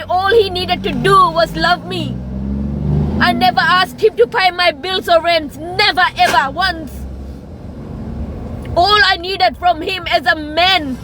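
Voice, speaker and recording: A woman in her thirties, a vlogger, speaks into her phone in a very high-pitched voice over background noise. Her raw, pleading confessional monologue repeats phrases for emphasis and slips into Hindi.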